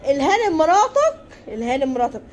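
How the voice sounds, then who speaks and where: An Egyptian woman voicing a scheming mother who accuses her own daughter, shrill and insistent. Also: sing-song, fast, darkish tone, a little hiss or hum. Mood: accusing.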